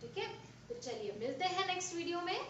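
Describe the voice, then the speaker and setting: A woman teaching children, reading each word aloud clearly and then explaining it patiently. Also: very high-pitched, animated, fast talker, a bit bright. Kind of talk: slow word drill and explanation for kids. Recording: echoey, distant, dull sound with faint hiss.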